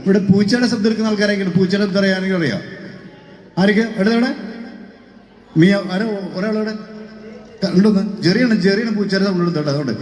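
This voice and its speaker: A man hosting a mimicry act on stage, teasing the audience with quick questions. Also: high-pitched, darkish tone. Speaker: stage mimicry artist and host. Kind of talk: lively stage chat with the audience. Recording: echoey hall with faint music.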